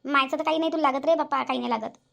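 A bossy cartoon mother-in-law nags and scolds in a high voice, her words tumbling out fast. She speaks with a sarcastic edge. The voice suits a family moral-story cartoon. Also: fairly even intonation, vocal fry, a bit bright, heavily acted. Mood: complaining. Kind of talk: cartoon voice acting.

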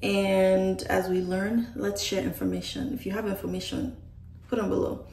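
A woman chatting to camera as a hair vlogger, thinking out loud with joking asides. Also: medium pitch, level tone, moderate pace, gravelly, a little hiss or hum. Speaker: beauty vlogger. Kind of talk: casual chat to camera. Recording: echoey room from a distant mic.

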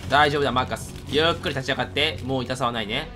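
A man's voice: mid-range voice, steady tone, fast. A man with a Kansai Japanese accent giving jumpy let's-play commentary, talking to the game character and breaking into outbursts. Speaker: gamer. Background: game music.

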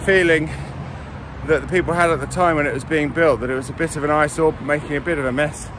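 A man narrating a casual travel vlog while out running, speaking in short phrases with pauses. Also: fairly high pitch, fairly even intonation. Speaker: vlogger filming a training run. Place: outdoors on city streets and park hills. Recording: outdoor street noise, passing traffic. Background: city traffic and outdoor ambience.

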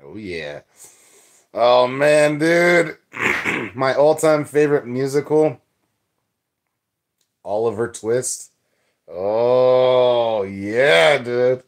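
Slow, rambling young man chatting. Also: mid-range voice, expressive. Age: young adult. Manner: rambling, loose, filler-heavy chat. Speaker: livestream host. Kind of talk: casual chat reading live comments.

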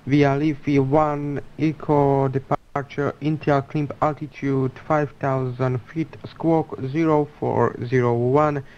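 A man's voice: medium pitch, level tone, takes it slowly, hardly any pauses, a little mellow, dull audio. A man working as an online air traffic controller, giving clipped radio calls.

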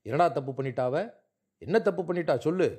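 A man's voice: mid-range voice, moderate pace, darkish tone, lightly acted. A man voicing an elderly widowed grandmother, fierce and grieving, pleading and tearful. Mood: angry.

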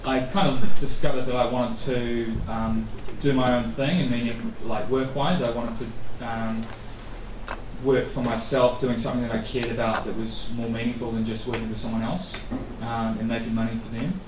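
At a noisy, reverberant event venue, a male guest speaker in his thirties from New Zealand answers interview questions casually at a meetup. He rambles with lots of fillers and restarts, speaking at normal speed and medium pitch with little pitch movement. The distant mic picks up an echoey room.

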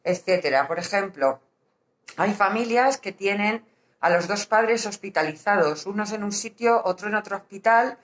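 A woman with a Castilian Spanish accent and a mid-pitched voice speaks through a face mask, which slightly muffles her words. She gives an informal explanation as a social worker, pausing to find her words. She is recorded at arm's length in a small office. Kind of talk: informal explanatory talk to camera. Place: small indoor hospital office.

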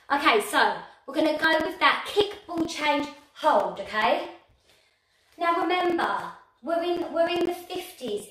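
A young woman teaching a dance lesson on a livestream, energetic and chatty, counting out steps as she moves. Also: a little high. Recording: echoey room, far from mic.

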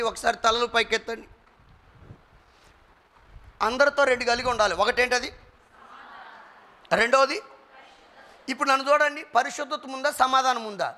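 A man with a very high, bright voice preaches a sermon to his congregation. He keeps firing questions at the listeners and mimics squabbling people in quick asides. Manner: calls out questions to the congregation and asks for responses. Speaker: pastor.

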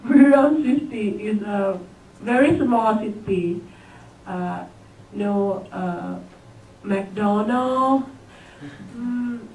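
A woman from Thailand introducing herself in a hesitant, halting way. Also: medium pitch, dark tone, roomy sound, distant mic, a little hiss or hum, rough recording. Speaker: student. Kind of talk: self-introduction video.

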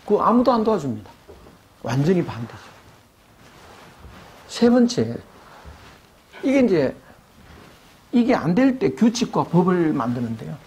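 A man's voice: high-pitched, very animated, measured pace, pauses often, a little mellow, slight background noise. An older man giving an academic lecture, asking rhetorical questions and acting out quoted voices.

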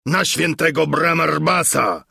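Male narrator playing a loud boasting storybook warrior, raspy and bright, dry sound. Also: fairly high pitch, slow, dry recording, pitched above the performer's own voice, heavily acted. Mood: defiant bluster. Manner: blustering, defiant shouting. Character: boastful armored bearded warrior, grown man, brash. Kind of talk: audiobook character voice.

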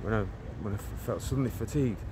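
With a fairly low pitch and a quick pace, a man in his forties from England preaches and prays fervently on camera as he strolls down a residential street. He holds the phone at arm's length, often rambles and begins his words again, and traffic noise fills the background.

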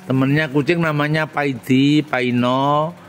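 A man, chatting gently with a young child and coaxing answers with questions. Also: fairly high pitch, steady tone, a little slow. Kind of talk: casual chat with a child.

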